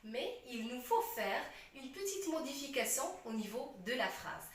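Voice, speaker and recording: A woman's voice: high voice, very animated, unhurried. A woman teaching French grammar step by step, patiently repeating each point and checking that the class follows. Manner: patient, repeats points and asks "vous voyez?". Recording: echoey room, voice from a distance.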